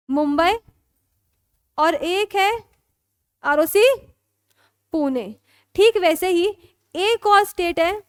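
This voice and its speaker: An Indian woman lecturing on law with a very high voice. She moves between Hindi and English and keeps asking whether her students are clear. The sound is dry and close, with no room echo. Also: fairly bright tone. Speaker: law teacher. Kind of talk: classroom lecture.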